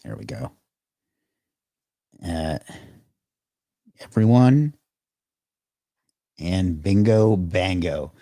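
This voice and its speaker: Low-voiced man hosting a casual livestream. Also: unhurried, darkish tone, dry recording, clean studio sound. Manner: chatty, rambling, reads out viewer comments. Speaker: livestream host. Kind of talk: casual live stream chat.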